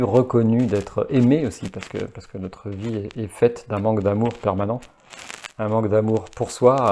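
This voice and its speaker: Man, spiritual monologue; low, dark, hesitant delivery with frequent restarts. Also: a little hiss or hum. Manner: halting, many fillers and restarts; reads a text slowly, then talks freely. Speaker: spiritual video maker.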